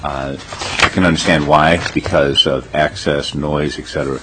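A very deep-voiced man puts questions to a committee. He stops and restarts often, over faint room noise. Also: steady tone. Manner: halting, with many restarts. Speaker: state senator.

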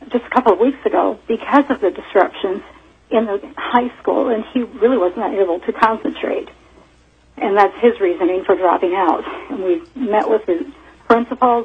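A woman's voice: medium pitch, slightly rough. A woman in her fifties giving formal testimony as a teacher and parent, heard over a phone line in a hearing room, earnest and reading prepared points.

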